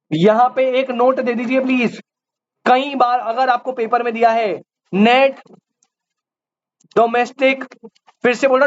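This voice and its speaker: High-voiced male teacher quizzing his class. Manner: quizzes students, repeats key terms, calls them "beta". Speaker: commerce teacher. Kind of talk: live classroom lecture. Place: classroom with students. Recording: dull lo-fi audio with faint hiss.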